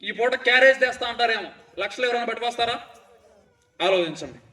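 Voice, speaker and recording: A man delivers a revival sermon in a high, sharp voice. He keeps throwing rhetorical questions at the congregation in call-and-response. The sound is echoey, as if picked up from some distance. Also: fast. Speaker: preacher. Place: revival gospel meeting.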